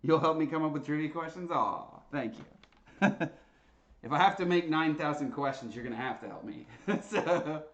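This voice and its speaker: A man's voice: on the high side, moderate pace, fairly bright tone, highs cut off. Chatty man hosting a trivia night. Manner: chatty, laughs easily, lots of uh fillers. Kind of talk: casual live-stream quiz hosting.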